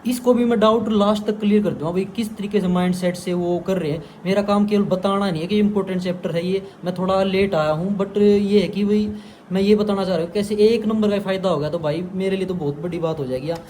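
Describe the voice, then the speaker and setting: A man's voice: high voice, fairly even intonation, quick pace, a little mellow, slight background noise. A young man teaching an exam-prep lesson in a chatty way, often calling the viewer "brother". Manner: chatty, repeats "bhai" to the viewer. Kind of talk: casual explainer lesson.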